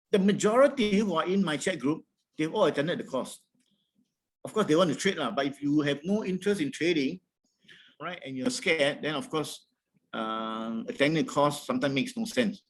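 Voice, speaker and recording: A man with a Singaporean accent speaking as a trading coach in an informal webinar, colloquial and encouraging, with frequent tag words. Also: a little high. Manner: colloquial Singlish with tags like "all right" and "lah". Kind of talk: informal webinar presentation with audience questions.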